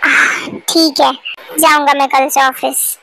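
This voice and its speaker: A woman's voice: high voice, level tone, takes it slowly, vocal fry, bright, forceful tone, voice pushed down, exaggerated voice, low-quality recording. Obsessive young CEO, voiced by a woman. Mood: calm. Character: possessive young male CEO and professor. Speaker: fan dubber. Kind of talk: amateur Hindi fan dub.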